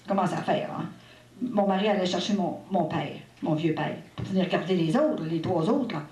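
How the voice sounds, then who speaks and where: A woman in her sixties with a Québécois accent, giving a personal faith testimony in a lively, expressive storytelling manner with asides. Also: lowish voice, moderate pace. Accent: Québécois French. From Quebec. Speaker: testimony giver at a religious mission. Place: church hall at a religious gathering. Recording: echoey hall, faint background noise.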